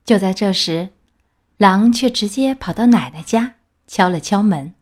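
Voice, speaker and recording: A woman reading a children's fairy tale aloud in a gentle, expressive storytelling manner. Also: medium pitch, a little slow.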